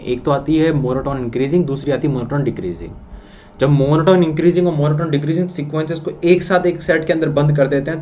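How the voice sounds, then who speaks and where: Indian male maths tutor, slightly high voice, slow repetitive explaining, dull lo-fi recording with faint hiss. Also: warm tone. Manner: slow, repetitive explaining, checks in with "theek hai?". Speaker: maths teacher. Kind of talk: online maths lecture. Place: room with lights out.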